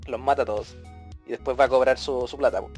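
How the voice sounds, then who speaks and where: A man with a Chilean accent co-hosting a podcast, telling stories in lively, slang-heavy casual chat. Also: medium pitch, quick pace, soft background music. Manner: animated storytelling full of slang, acting out scenes. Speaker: podcast co-host.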